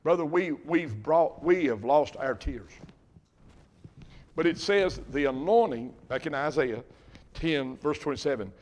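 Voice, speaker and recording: An older man preaching a sermon, folksy and emphatic, swinging from loud bursts to hushed asides. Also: fairly high pitch, expressive, unhurried. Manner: folksy, repeats and restarts phrases. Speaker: pastor.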